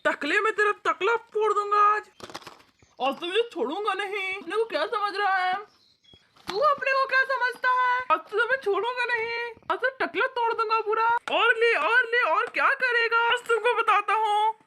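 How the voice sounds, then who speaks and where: A woman voicing an angry village man who shouts threats in a fistfight. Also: very high voice, moderate pace, a little hiss or hum. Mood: furious.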